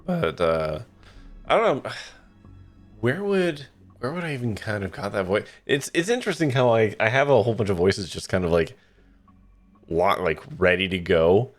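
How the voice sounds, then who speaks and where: Guy streaming a game, casual chat, lowish voice, lively swings, music behind. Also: normal speed. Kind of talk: casual chat while playing.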